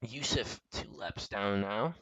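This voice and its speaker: A man commentating a live sim race, reacting quickly and excitedly to the action on track. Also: lowish voice, no echo.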